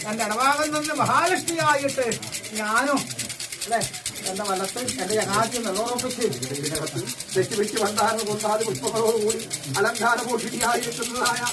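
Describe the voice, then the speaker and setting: A woman with a north Kerala accent speaking as a possessed ritual oracle, proclaiming solemnly in a chanted declamation. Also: fairly high pitch. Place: at a live temple ritual, distant mic. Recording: distant, noisy field recording of a ritual.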